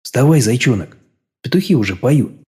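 A man voicing a confident young man who gives brisk commands and teases his sweetheart, in an audiobook. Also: medium pitch, sing-song, darkish tone, breathy edge, voice pushed up. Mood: teasing.

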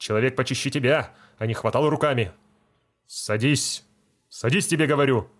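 A man's voice: medium pitch, lively intonation, unhurried, close to an everyday voice. A man doing a pompous village medic. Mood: scolding. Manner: pompous, lecturing and condescending. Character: pompous, self-important village medical assistant.

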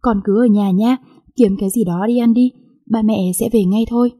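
A woman voicing a gentle, hardworking poor father who speaks tenderly and reassuringly to his daughter in a storybook reading. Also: on the high side, steady tone, normal speed, breathy edge.

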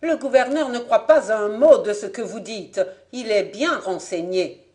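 A reader voicing a male interpreter, formal and clipped, pitched higher and louder than the narration. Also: a little slow.

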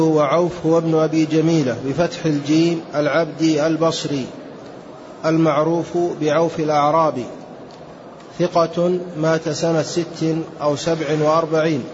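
Man reading a classical text flatly. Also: a little high. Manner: steady, flat recitation. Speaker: student reading the text aloud. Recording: dull lo-fi recording with faint hiss.

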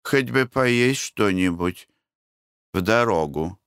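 A man's voice: on the low side, lively intonation, slow, fairly bright tone, clean tone, no room sound, studio quality, full character voice. A man voicing a sleepy, worried middle-aged wife in a storybook reading, plaintive and fearful.

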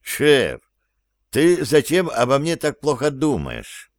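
A man voicing an excitable male sidekick who is quick to take offence. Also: medium pitch, no echo, clean studio sound, pitched above the performer's own voice, exaggerated voice. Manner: indignant, whiny.

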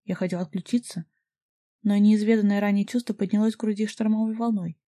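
A woman reading a first-person novel aloud as an audiobook, in an even storytelling manner. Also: medium pitch, fairly quick. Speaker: audiobook narrator.

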